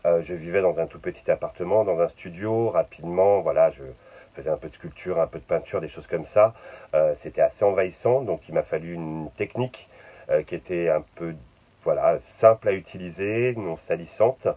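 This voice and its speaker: A middle-aged man, a visual artist talking unscripted about his work in his studio, pausing often with fillers and repeated words. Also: low voice, warm tone.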